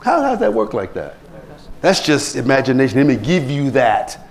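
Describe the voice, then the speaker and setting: A man preaching a sermon as pastor, telling stories and acting out the people he quotes. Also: normal speed. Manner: preachy, animated, acts out quoted people in rising pitch. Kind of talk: sermon with anecdotes.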